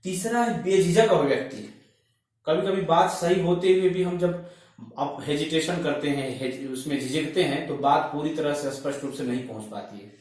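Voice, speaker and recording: A man with a fairly high voice delivers a methodical classroom lecture, working through his points in order. His voice sits back from the microphone and rings in a strongly echoing room. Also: normal speed, darkish tone, recorded from a distance. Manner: methodical, lists points one by one. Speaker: teacher trainer. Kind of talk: lecture on language skills. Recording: echoey room, voice off-mic.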